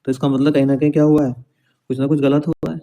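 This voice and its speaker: A man's voice: fairly high pitch, level tone, fast, dark tone. A man teaching vocabulary with memory tricks, repeating each word and often asking his students whether they follow. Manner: repetitive, coaxing, keeps asking "is it?".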